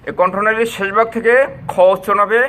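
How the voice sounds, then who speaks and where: A man teaching Arabic letter pronunciation, repeating each sound slowly and stretching it out for his learners. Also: high voice, flat delivery, bright, forceful tone. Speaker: Quran recitation teacher. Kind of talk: slow, drilled pronunciation lesson.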